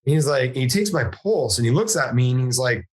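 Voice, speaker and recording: A man's voice: medium pitch, fairly quick, husky, rough recording. A man from Southwest Washington, a podcast guest, telling a personal story in casual conversation, acting out what people said. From Southwest Washington, USA. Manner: animated storyteller acting out quoted dialogue, frequent restarts.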